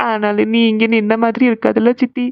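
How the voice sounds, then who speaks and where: A woman's voice: fairly high pitch, steady tone, takes it slowly, creaky, smooth, dry recording. A woman voicing a clingy young wife in a cartoon, pleading in a whiny way. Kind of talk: Tamil cartoon dubbing. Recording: slightly dull lo-fi sound.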